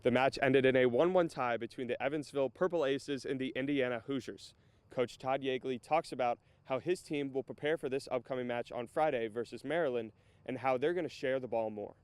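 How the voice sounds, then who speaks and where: A man's voice: mid-range voice, fairly quick. A young man narrating a scripted sports recap as a field reporter.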